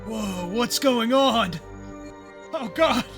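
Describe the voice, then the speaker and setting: A woman's voice: fairly high pitch, extremely slow. A woman giving casual, joking let's play commentary as the host. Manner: joking, excitable. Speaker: game streamer. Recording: game music playing behind.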